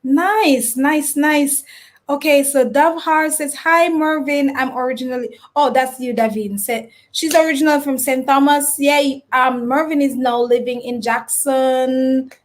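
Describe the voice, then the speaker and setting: Lady hosting a live stream, high voice, bubbly, reading out viewer comments. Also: a little slow. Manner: animated, greets and reads out viewer comments. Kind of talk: casual live stream interview.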